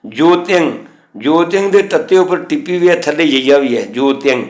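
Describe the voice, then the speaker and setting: A man teaching scripture pronunciation, slowly reciting verse lines and then explaining them plainly. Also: a little high, expressive, a little mellow. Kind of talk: instructional lesson. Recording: echoey room.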